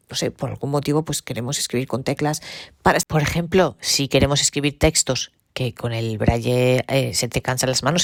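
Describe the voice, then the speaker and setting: A woman's voice: deep voice, gravelly, no room sound, clean studio sound. A woman with a Spain Spanish accent, hosting a podcast and giving a casual, chatty device demonstration, repeating herself and using many fillers. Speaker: podcast host.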